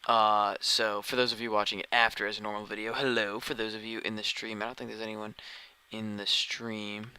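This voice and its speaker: A man's voice: on the low side, flat delivery, fairly quick, few pauses, sharp tone, clean tone. A tired man streaming a game, chatting casually and thinking aloud as he plays. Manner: rambling, thinking aloud while playing. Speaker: gaming streamer. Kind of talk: casual live-stream commentary.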